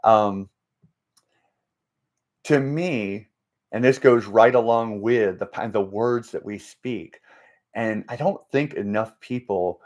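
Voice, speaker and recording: Slow, halting man on a faith live stream. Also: lowish voice, a little mellow. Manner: slow and halting, frequent restarts and repeated words; reads out and answers viewer comments.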